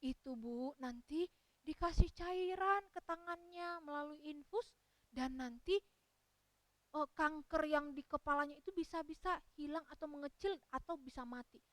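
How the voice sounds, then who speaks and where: A woman voicing a calm, gentle doctor who speaks slowly and soothingly, in a children's Sunday school story. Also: sits high, dry recording. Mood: reassuring. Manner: slow, soothing delivery.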